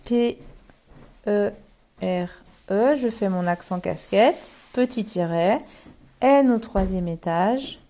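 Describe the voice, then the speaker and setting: A woman teacher with a mellow, medium-pitched voice gives a remote handwriting lesson. She goes slowly, spelling out each letter one by one as she writes it.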